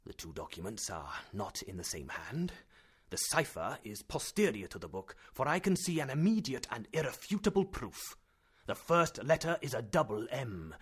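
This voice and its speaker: A man reading aloud and voicing an excitable elderly male professor who lectures and bursts into loud exclamations. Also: mid-range voice, moderate pace, husky. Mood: lecturing.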